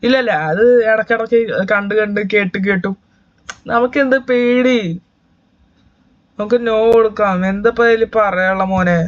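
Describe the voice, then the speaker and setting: A man's voice: sits high, fairly even intonation, moderate pace, fairly bright tone, dull audio. A young man and YouTube gamer giving chatty, joking let's-play commentary, talking to his viewers as guys.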